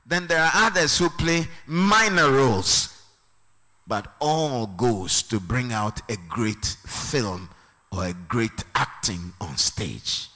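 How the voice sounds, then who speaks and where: A man's voice: mid-range voice, lively intonation, sharp tone. Preaching man in an echoing hall. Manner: slow and emphatic, rising to a sung, preaching cadence. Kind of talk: sermon. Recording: long reverb of a hall.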